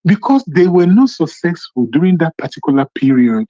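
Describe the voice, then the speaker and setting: A man calls in to a phone-in show with emphatic political commentary, speaking in a Nigerian Yoruba accent, repeating his points and answering his own questions. His voice is a little high, sing-song and fairly quick with a dark tone. The recording is dry, muffled and band-limited like a phone call.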